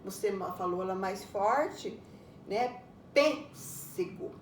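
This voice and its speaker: A woman's voice: medium pitch, animated, a little slow, a bit bright. A woman teacher, giving a patient step-by-step lesson to young pupils and often checking with a tag question. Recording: roomy echo, far from the mic, faint background noise.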